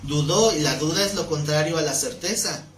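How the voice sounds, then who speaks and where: Leading a live-streamed Bible study, a man speaks at normal speed in a fairly high, fairly bright voice. He teaches conversationally, regularly asking listeners questions. Faint background noise sits in the roomy recording.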